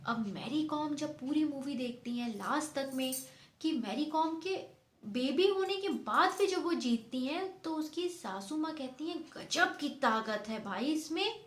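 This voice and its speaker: Slow high-voiced woman storyteller. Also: animated. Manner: homely, conversational. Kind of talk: oral storytelling. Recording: echoey room, faint noise.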